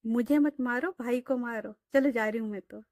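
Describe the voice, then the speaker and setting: A woman's voice: fairly high pitch, moderate pace, darkish tone, no echo, studio quality, lightly acted. A woman voicing a playful young woman who teases her friends in breezy, casual slang.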